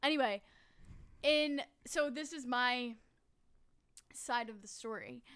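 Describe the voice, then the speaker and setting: A young woman hosting a casual family podcast, chatty and quick to laugh. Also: on the high side, a bit bright, clean tone. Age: young adult. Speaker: podcast host.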